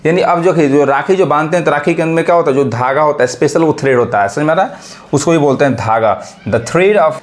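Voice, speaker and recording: A man teaches English vocabulary. He keeps asking questions, answers them himself, repeats each word and reads the example sentences slowly. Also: fairly high pitch. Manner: repeats words and translations. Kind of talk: classroom-style vocabulary lesson.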